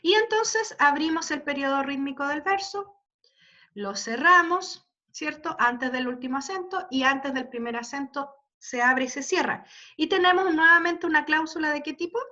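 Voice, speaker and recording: High bright woman teacher over a dull lo-fi call, keeps asking the class if they're following, patient. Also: lively intonation, moderate pace. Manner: checks in constantly with tag questions; patient, walks students through examples. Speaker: literature teacher. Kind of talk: online class lecture. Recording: dull lo-fi audio.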